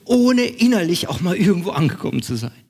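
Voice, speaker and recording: A man's voice: sits high, sing-song, a little fast, a little mellow, slightly rough. A man preaching a sermon in German as pastor of his congregation, with an emphatic, repetitive cadence.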